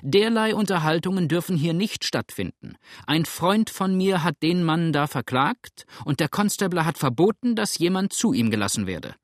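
A man's voice: on the high side, big pitch swings, normal speed, few pauses, no echo, clean studio sound, pitched above the performer's own voice. A man reading an audiobook, voicing an officious stranger who stands guard and forbids talk, in a formal commanding tone. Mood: stern.

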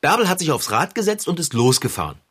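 A man playing an indignant young male friend who tells his grievance animatedly, with big jumps in pitch. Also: big pitch swings, fast talker, a bit bright, husky, heavily acted.

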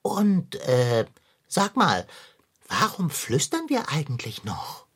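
A woman's voice: low-pitched, wildly swooping pitch, slow pace, breathy edge, heavily acted. A woman playing pompous pirate cat Long John. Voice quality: pompous, old-fashioned phrasing. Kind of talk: children's radio play.

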